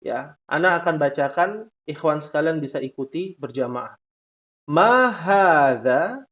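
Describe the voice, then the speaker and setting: A male teacher talks to a room of students and keeps checking in with a short "ya" after each point. He draws out some words as he asks the class questions. The recording sounds dull and lo-fi. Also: a little high. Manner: drawn-out questioning, frequent "ya" tags. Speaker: Arabic teacher. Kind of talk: classroom lesson.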